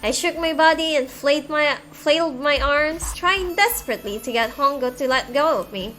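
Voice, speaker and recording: A woman's voice: high-pitched, moderate pace, bright, forceful tone, faint music behind. A woman streamer reading a visual novel aloud, with chatty asides in between.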